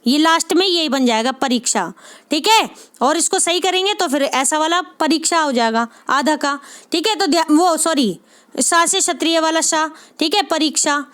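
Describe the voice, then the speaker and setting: A woman leads an exam-prep lesson, repeating each answer and checking in often with her viewers. Her voice sits very high and rings bright and forceful. She explains patiently, step by step. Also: normal speed. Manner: repeats answers, frequent "ठीक है" check-ins. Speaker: Hindi exam tutor.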